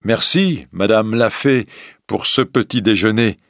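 A man's voice: fairly low pitch, unhurried, creaky, a bit bright, no room sound, clean studio sound. A man reading a humble, frightened old merchant. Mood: musing. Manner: pleading, humble. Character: poor frightened old merchant, a loving father.

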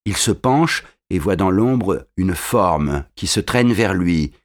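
Man reading a classic novel aloud, slow and steady, lowish voice. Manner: slow, measured storytelling. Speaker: narrator. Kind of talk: scripted narration of a classic novel.

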